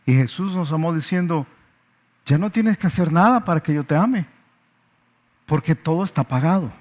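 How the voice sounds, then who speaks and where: Man, pastor, high voice, emphatic sermon, rhetorical questions. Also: lively intonation, moderate pace, darkish tone.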